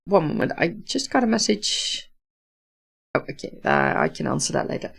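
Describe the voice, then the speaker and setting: Low, gravelly and husky, this Dutch woman's voice swings hugely in pitch at a moderate pace. An author from the Netherlands, she hosts a casual livestream with a Dutch accent, thoughtfully taking viewer comments and often filling or restarting.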